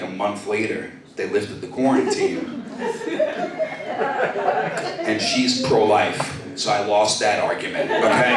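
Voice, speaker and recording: A man in his thirties doing a profane stand-up comedy set, working the crowd in a comedy club. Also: on the low side. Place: comedy club stage with laughing audience. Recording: echoey club, distant mic, crowd laughter.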